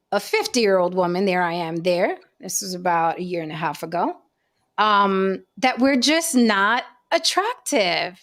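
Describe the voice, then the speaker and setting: Brief: forties woman, talk-show host, chatty storyteller, average pitch. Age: 40s. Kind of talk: casual panel chat.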